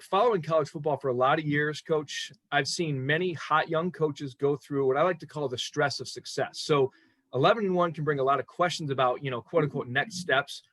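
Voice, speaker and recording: A man with a smooth radio host delivery, asking polished, friendly interview questions. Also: a little high, a bit bright, no echo. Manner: polished, friendly questioning, addresses guest as Coach.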